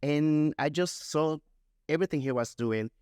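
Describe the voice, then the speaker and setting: A man from the Republic, hosting a casual interview in a halting, effusive way and mixing in words. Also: a little high, warm tone, clean tone, no room sound, studio quality. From Dominican Republic. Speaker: podcast host.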